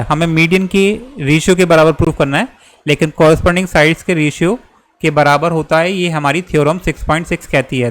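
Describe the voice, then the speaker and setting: A young man, patiently walking students through a geometry proof step by step, often checking in as he goes. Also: a little high. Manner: patient, repeats and checks with "theek hai". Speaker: maths teacher.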